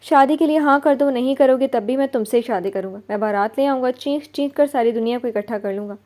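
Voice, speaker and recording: A woman's voice: high voice, fast, warm tone, lightly acted. A woman voicing a bold, stubborn young man in love, teasing and sure of himself, as she reads a novel aloud. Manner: playful and stubborn. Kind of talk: novel reading.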